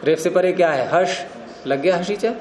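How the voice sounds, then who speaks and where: Male grammar teacher, fairly high voice, quizzing students, roomy echo. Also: moderate pace, darkish tone, slight background noise. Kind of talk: classroom teaching.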